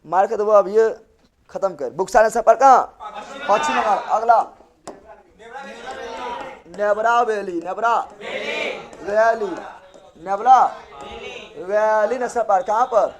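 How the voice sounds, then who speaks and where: A male teacher lecturing a classroom, loudly drilling facts through repetition and teasing the students. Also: high-pitched, takes it slowly, long pauses, a crowd in the background.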